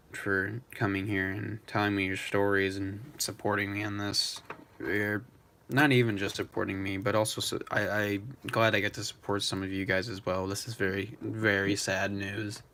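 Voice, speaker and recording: A young man live streaming, talking in a rambling, halting way with many restarts. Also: fairly low pitch, bright, forceful tone. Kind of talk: emotional live-stream tribute chat.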